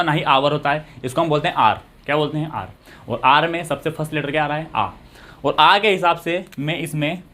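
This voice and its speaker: A man's voice: a little high, a bit bright. A man teaching English grammar, patiently explaining and asking and answering his own questions. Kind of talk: explanatory lesson.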